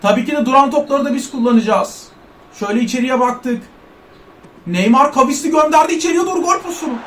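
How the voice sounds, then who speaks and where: A man giving loud, excitable gameplay commentary, joking in first person as an overweight footballer and cursing at his teammates. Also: very high-pitched, fast. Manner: loud, excitable, trash-talks and curses at teammates. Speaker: gaming YouTuber.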